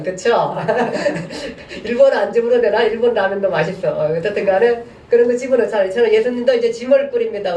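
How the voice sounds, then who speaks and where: A man's voice: high-pitched, a little mellow. A male pastor teaching a Bible class in a chatty, colloquial way, often putting questions to his students. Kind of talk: casual Bible class lecture. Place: church classroom. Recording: echoey room, mic far off.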